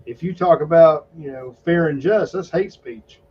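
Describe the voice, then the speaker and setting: A man's voice: a little high, normal speed, husky. A man hosting a casual podcast chat, blunt and emphatic, with plenty of swearing. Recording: dull lo-fi recording.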